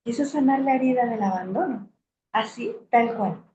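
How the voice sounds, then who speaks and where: A woman's voice: on the high side, moderate pace, warm tone. A middle-aged woman gives a reflective talk on emotional healing, asking rhetorical questions and checking in with her audience. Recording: roomy, slightly dull sound with faint hiss.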